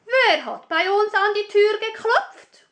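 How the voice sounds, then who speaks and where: A woman's voice: very high-pitched, lively intonation, slow pace, fairly bright tone, voice pushed up, full character voice. A woman voicing a stern old king in a spoken fairy tale, admonishing firmly. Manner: firm, admonishing.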